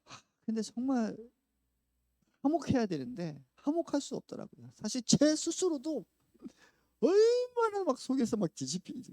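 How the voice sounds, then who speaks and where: A male pastor preaching in a church, his slightly high, gravelly voice swooping widely as he tells a story. He shifts from hushed asides to loud bursts and laughs often, and the sound is dry and close. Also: no echo. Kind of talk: conversational sermon with acted-out quotes. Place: church sanctuary.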